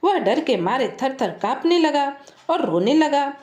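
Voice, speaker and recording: A woman storyteller reading a folk tale in a steady, clear narration. Her voice is high and very lively in pitch. The room around her sounds echoey. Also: unhurried.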